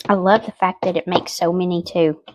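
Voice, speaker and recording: A woman's voice: fairly low pitch, steady tone, fairly quick, darkish tone, dull audio, a little hiss or hum. A woman hosting a casual cooking demonstration, chatty and homey as she talks viewers through each step. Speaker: home cooking channel host.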